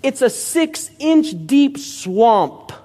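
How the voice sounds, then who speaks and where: A man's voice: very high-pitched, sing-song, very slow, dark tone, exaggerated voice. A male preacher voicing a pompous, skeptical atheist man who mocks a believer. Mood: scoffing.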